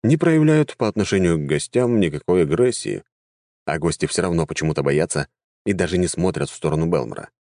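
A man narrating a fantasy audiobook in a wry, lively storytelling manner. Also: deep voice, a little fast, no echo, clean studio sound.

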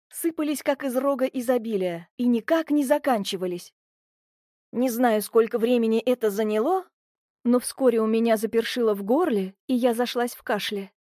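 A woman giving an expressive first-person audiobook narration. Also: on the high side, dry recording, studio quality.

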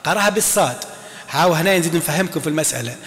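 A man giving an informal recitation lesson, chanting quoted readings slowly and answering students. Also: a little high, animated, fairly bright tone. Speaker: teacher of Quran recitation. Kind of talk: classroom lesson explaining recitation. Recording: long hall reverb.

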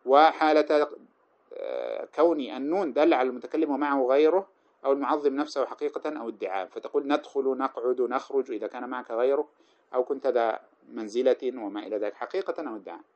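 A man teaching grammar, reciting lines of verse slowly and then explaining them with many short examples. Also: medium pitch, expressive, a little mellow. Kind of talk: explaining a grammar poem line by line. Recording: dull lo-fi recording.

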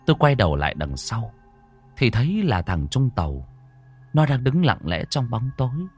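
A man narrating a first-person horror story in an expressive, dramatic way. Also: medium pitch, moderate pace, husky, soft background music.

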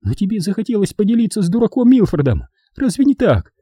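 A man voicing a sharp-tongued, scornful woman with a piercing falsetto in an audiobook. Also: big pitch swings, fast, husky, no echo, clean studio sound, full character voice. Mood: frantic. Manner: contemptuous, snapping. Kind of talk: audiobook character voice.

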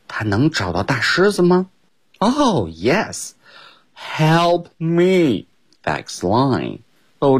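A male teacher on a radio lesson, reading a children's story in two languages with slow, expressive storytelling and big pitch swings. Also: husky. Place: radio studio.

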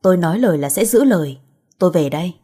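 A woman's voice: fairly low pitch, expressive, dark tone, slightly rough. Woman voicing a firm, composed young wife. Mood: calm. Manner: firm, measured.

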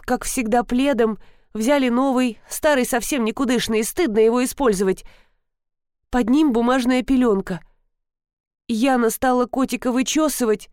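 A woman's voice: a little high, darkish tone, clear, resonant tone, no room sound, clean studio sound, voice pushed up, natural voice. A woman voicing a panicky, tearful woman housekeeper, talking frantically.

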